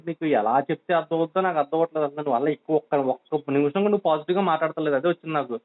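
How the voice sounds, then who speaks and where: Over a tinny, narrowband telephone line, a man with a coastal Andhra Telugu accent pleads urgently and insistently, admonishing and repeating himself. His voice is on the high side and his pace races.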